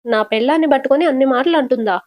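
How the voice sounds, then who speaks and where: A woman's voice: high voice, rapid-fire, darkish tone, no room sound, natural voice. A woman voicing a hot-tempered, protective young husband who speaks curtly and commandingly in a retold serial. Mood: angry.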